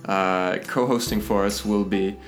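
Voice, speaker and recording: A man hosting a casual interview podcast, talking in halting, pause-filled phrases. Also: lowish voice, steady tone, faint music behind. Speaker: podcast host.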